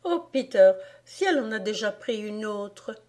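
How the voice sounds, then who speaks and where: A woman reading aloud voices a frightened young girl who pleads in high, tearful cries. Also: animated, normal speed, dark tone, natural voice.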